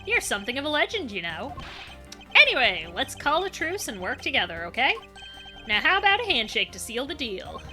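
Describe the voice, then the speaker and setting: Gal doing a showy hot-headed prosecutor guy, loud and high, swinging all over. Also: very animated, a little fast, soft background music, full character voice. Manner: flamboyant, loud, grandly dramatic. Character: suave hot-headed male prosecutor, theatrical.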